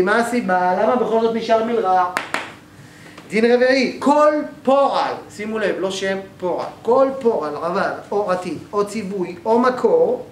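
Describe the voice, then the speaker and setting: Male teacher, high-pitched, lectures methodically and keeps checking in with students; roomy, echoey sound with faint noise behind. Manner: explains step by step, often checks with the class. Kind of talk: grammar class lecture. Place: synagogue hall.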